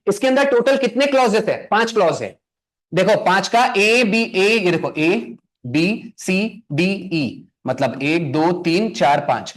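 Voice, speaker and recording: A young man teaching an exam coaching lesson, asking the class questions and answering them himself, slowing down to spell out English terms. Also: high-pitched. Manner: quizzing students with rhetorical questions, answering himself.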